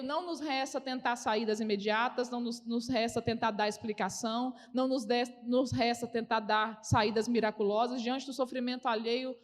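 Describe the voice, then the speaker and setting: Woman pastor, sermon, earnest and repetitive, high voice, echoing church. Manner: earnest, repeats phrases for emphasis.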